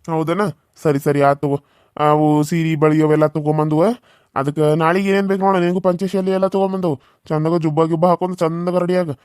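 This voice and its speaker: A man voicing an older village father figure who calms the family, with a North Karnataka accent, in a cartoon serial. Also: a little high, a little fast, clean tone, dry recording, studio quality, lightly acted. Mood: coaxing. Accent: North Karnataka Kannada. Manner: coaxing, fatherly.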